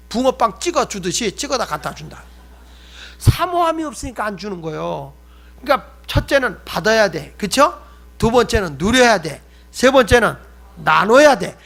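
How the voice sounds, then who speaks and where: A man's voice: very high-pitched, a bit bright. A male pastor preaching a sermon, telling humorous stories and talking directly to the congregation.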